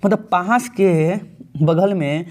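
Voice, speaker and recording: A man teaching an exam-prep grammar lesson in Hindi with a Bhojpuri tinge, chatty and firing questions at his students, reading English sentences slowly. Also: sits high, darkish tone.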